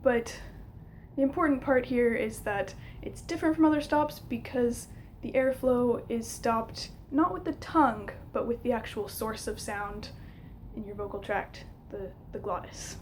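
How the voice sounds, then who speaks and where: A young adult woman with a slightly high voice talks through an informal lesson to camera. She explains step by step, a little hesitantly. The home recording has some noise behind her. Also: unhurried. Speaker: linguistics teacher. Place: small room at home, indoors.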